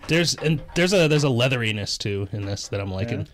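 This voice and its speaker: A man with a low-ish, very lively voice co-hosts a casual beer podcast. He hesitates and searches for words as he describes what he tastes. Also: brisk, slight background noise. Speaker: podcast co-host. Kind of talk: casual chat over beer tasting.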